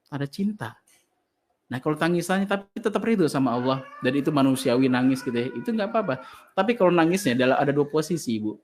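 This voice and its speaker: A man, an ustaz giving a religious lecture to an online study group and answering listeners' questions in an animated storytelling way. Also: mid-range voice, slight background noise.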